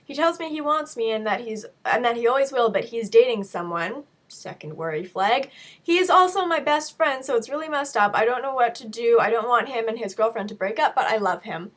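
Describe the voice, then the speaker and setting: A woman's voice: fairly high pitch, animated, fairly quick. A young woman with a voice affected by being sick, answering questions in a frank, casual vlog style with playful asides. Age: young adult. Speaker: video blogger answering viewer questions. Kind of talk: casual chat to camera, Q&A.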